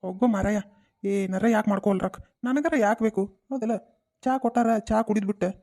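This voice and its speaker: Someone putting on a whiny old mother-in-law, lowered voice, defensive, cartoon. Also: fairly quick, a little mellow, close to an everyday voice. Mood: sulky. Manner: complaining, defensive.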